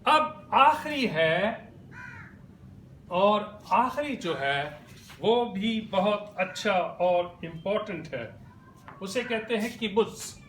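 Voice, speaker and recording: A man, a pastor, teaching a language lesson, explaining each sound slowly and repeating it patiently while quizzing his viewers. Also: high voice, expressive, fairly bright tone. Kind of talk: slow classroom explanation. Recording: echoey room with faint ambient noise.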